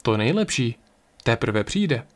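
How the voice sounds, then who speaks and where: A man voicing a calm, stern, mysterious card reader who speaks gravely and evenly. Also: medium pitch.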